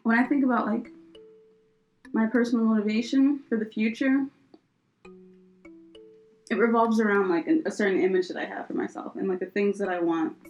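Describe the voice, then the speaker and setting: A woman's voice: medium pitch, fairly even intonation, normal speed, long pauses, darkish tone, highs cut off, faint music behind. A young woman co-hosting a podcast, chatting casually, rambling with lots of fillers and laughing often. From United States. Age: young adult. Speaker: podcast co-host. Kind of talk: casual chat.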